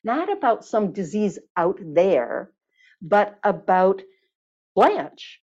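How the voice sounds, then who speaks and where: A woman's voice: mid-range voice, takes it slowly, breathy edge. A woman telling a healing story at length, then leading a listener through a guided exercise, with lots of fillers. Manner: warm, lively storyteller, many fillers. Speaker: guest teacher on body healing. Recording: dull lo-fi sound.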